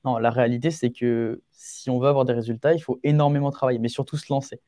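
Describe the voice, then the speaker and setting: A fast-talking eighteen-year-old entrepreneur shares advice as a podcast guest, his medium-pitched voice warm with fairly even intonation. His conversational answers are earnest, informal, and emphatic, with key phrases repeated, and the studio sound is clean with no echo.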